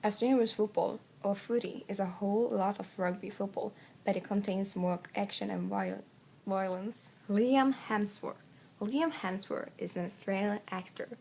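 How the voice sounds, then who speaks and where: A woman's voice: medium pitch, moderate pace, dark tone, slight background noise. A teenage girl with a Swedish accent reads a school presentation in English, with small slips. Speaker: student presenter. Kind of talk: school presentation read aloud.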